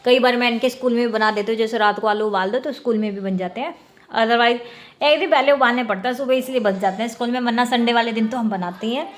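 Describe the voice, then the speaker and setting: A woman's slightly high voice moves at a quick pace as she narrates a casual home vlog. In her thirties, she chats with viewers and shows them her household chores, laughing often throughout.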